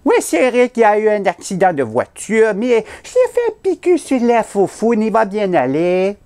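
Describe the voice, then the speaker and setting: A man's voice: sits high, huge pitch swings, moderate pace, a little mellow, voice pushed up, heavily acted. A man voicing a hospital nurse woman in a clumsy put-on Haitian French accent, exaggerated and sing-song. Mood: cheerful. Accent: Haitian French, put on badly.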